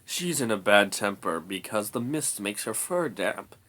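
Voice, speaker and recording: A woman voicing a sleepy, calm male dragon in a storybook, with a hoarse, murmuring voice. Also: rumbling low, a little slow, voice pushed down, heavily acted.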